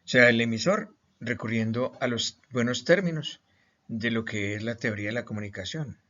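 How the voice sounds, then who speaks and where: A man's voice: mid-range voice, animated, sharp tone. Man, teacher, from Colombia, emphatic questions, recorded lecture, dull lo-fi audio. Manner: emphatic questions, pauses, repeated words. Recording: slightly muffled lo-fi audio.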